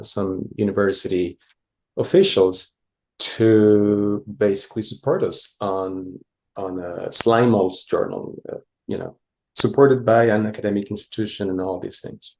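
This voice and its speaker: Gravelly low-voiced man from Costa Rica. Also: a little mellow. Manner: hesitant, many fillers and restarts. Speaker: conference presenter. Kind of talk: conference talk with slides.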